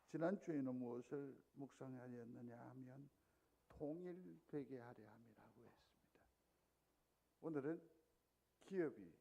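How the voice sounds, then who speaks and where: A male pastor with a medium-pitched, gravelly, mellow voice preaches a Sunday sermon in a church sanctuary. His style is conversational, and he frequently asks the congregation questions.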